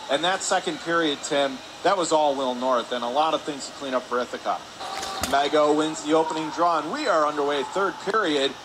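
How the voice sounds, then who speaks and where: Calling a hockey game live on radio from an indoor ice rink, a man with a slightly high voice tracks the play moment by moment. His present-tense calls are brisk and clipped, rising on shots, over loud arena ambience.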